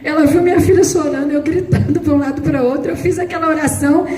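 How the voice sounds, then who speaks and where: A woman's voice: fairly even intonation, fast talker, mellow. A woman missionary preaching a sermon and telling a personal testimony with emotional, dramatic delivery. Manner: emotional, dramatic retelling, voice rising high at climaxes. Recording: echoey room, faint noise.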